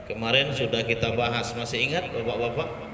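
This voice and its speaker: A man teaching Quran reading, patiently repeating Arabic words and chanting them slowly. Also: medium pitch, fairly even intonation, pushed and bright, a little hiss or hum. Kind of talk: slow Quran recitation lesson. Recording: echoey hall with faint ambience.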